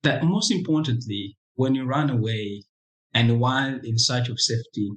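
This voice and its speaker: A man's voice: mid-range voice, low-quality recording. Reflective man from Congo telling his story. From Democratic Republic of Congo. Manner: reflective, halting, many restarts and "you know". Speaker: interview guest. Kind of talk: personal storytelling in an interview.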